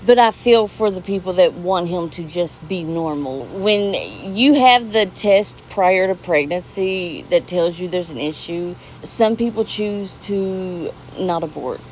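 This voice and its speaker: A woman with a fairly low voice delivers reaction commentary. She talks with deadpan sarcasm and mocking asides, and there is a faint hum of noise behind her. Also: a little slow, few pauses, low-quality recording. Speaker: commentary host.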